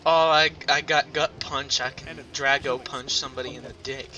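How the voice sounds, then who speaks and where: A man chatting casually while playing a game, excitable, jokey and foul-mouthed. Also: mid-range voice, normal speed, dull audio. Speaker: gamer. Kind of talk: casual game chat with goofy put-on voices. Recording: noisy game audio behind the voice. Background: game sounds.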